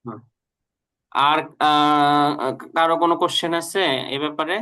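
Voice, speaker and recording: A man teaching an online Quran reading class, patiently repeating letter sounds slowly for his students. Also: on the high side, level tone, sharp tone, clean tone.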